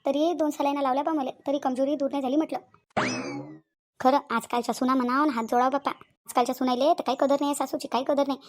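A woman's voice: sits high, fairly even intonation, fast, natural voice. A woman with a Vidarbha Marathi accent voicing an ailing, complaining old mother-in-law who grumbles and scolds in a cartoon. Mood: self-pitying. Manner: grumbling, self-pitying, scolding. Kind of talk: cartoon voice acting.

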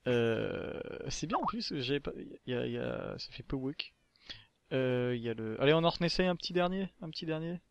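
A man's voice: medium pitch, lively intonation, normal speed, creaky, smooth, no room sound. Playful man on a dull dry mic. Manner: playful and teasing, laughs often. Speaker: gamer playing with friends. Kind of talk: casual gaming chat.

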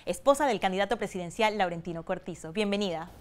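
A woman's voice: medium pitch, fast. A woman interviewer on a TV program, asking polite, formal questions.

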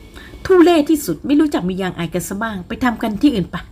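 A woman voicing a proud, quick-tempered young woman in an audiobook romance, giving short, sharp retorts. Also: medium pitch, expressive, a little hiss or hum, lightly acted. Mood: furious.

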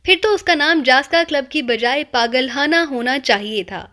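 A woman's voice: high voice, pushed and bright. Woman voicing a joking young male spy. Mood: playful teasing. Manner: mock-polite, rambling wordplay. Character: cheeky young male spy, playful joker.

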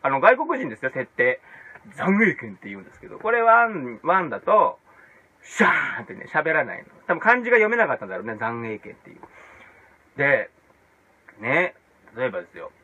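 A male comedian hosting his own video blog, talking in a casual comic monologue and jumping into loud mock-English shouts. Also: mid-range voice, huge pitch swings, brisk, slightly rough. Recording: dull lo-fi sound.

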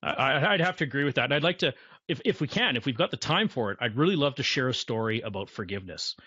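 A man's voice: medium pitch, animated, fast talker, bright, forceful tone, slightly rough, dry recording. A man who is a guest in an interview, talking confidently about motivation and repeating his key phrases. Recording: dull, muffled lo-fi sound.

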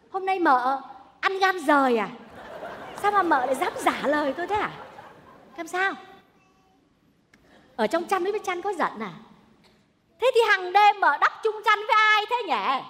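A woman's voice: very high-pitched, expressive, moderate pace, long pauses, sharp tone, some chatter behind, slight background noise, full character voice. A woman playing a domineering old mother-in-law in a stage comedy sketch, nagging, scolding and wailing. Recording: stage recording with long hall reverb.

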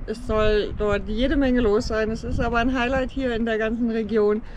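A woman's voice: fairly high pitch, fairly even intonation, normal speed, darkish tone, slight background noise. A woman chatting cheerfully in a casual travel vlog outdoors, with a few fillers. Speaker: travel vlogger. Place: outdoors by a car and on trails. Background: background music.

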